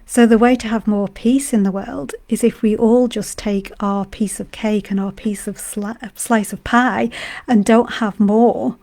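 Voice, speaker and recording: A woman who is unwell, her voice going hoarse, chatting gently as host of a spiritual live stream and greeting viewers by name. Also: medium pitch, fairly even intonation, measured pace. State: hoarse from illness. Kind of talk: casual spiritual talk.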